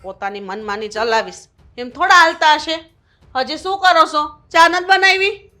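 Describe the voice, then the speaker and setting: A woman's voice: sits high, normal speed, pushed and bright. An actress playing a domineering, proud mother-in-law who scolds and lectures her daughter-in-law. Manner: scolding, bossy, indignant. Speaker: actor in a short film. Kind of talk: family drama acting.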